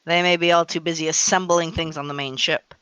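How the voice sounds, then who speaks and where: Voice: medium pitch, level tone, brisk, fairly bright tone, clean tone, no room sound, poor audio. A player in a tabletop game, planning the group's moves and joking around. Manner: giggly, playful, plans the party's moves. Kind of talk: casual tabletop game chat.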